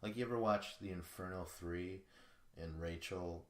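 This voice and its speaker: A man's voice: low-pitched, normal speed. A man hosting a podcast, rambling through a casual solo recap with profane, chuckling asides. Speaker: podcast host. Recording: echoey room.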